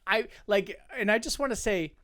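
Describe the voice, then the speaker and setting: A man's voice: sits high, moderate pace, sharp tone, no room sound, clean studio sound. A man co-hosting a podcast in casual chat, rambling with lots of fillers and laughing often. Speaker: podcast co-host.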